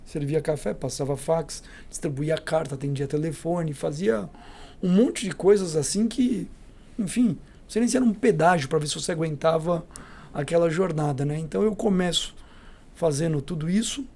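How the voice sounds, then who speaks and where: Brazilian man with a high, gravelly voice. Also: moderate pace. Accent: Brazilian Portuguese. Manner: lively anecdotes, acts out dialogue. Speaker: company CEO, podcast guest. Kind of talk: storytelling in a podcast interview.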